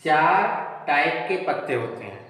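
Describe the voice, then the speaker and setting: Echoey teacher explaining at a board. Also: male voice, on the high side, sing-song, measured pace, a bit bright. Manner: explains and asks the class rhetorical questions. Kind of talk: classroom math lesson at a board. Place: classroom with a board. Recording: very echoey room with long reverb.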